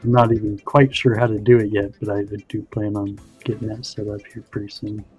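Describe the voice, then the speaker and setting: A man's voice: lowish voice, level tone, a little fast, darkish tone, faint music behind. A man hosting a livestream, chatting casually and explaining things in a rambling way with lots of "you know". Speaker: livestream host. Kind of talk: casual chat.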